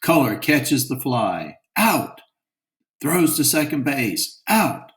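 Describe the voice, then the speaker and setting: A man voicing an excited male radio baseball announcer, calling the play emphatically and high. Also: slow, exaggerated voice, rough recording. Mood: announcing.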